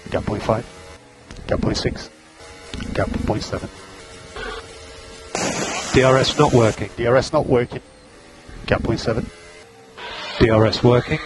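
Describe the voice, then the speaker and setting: A man's voice: mid-range voice, poor audio. A man working as race engineer, giving terse, clipped pit radio calls over a team radio link, repeating gaps and status updates. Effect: team radio transmission.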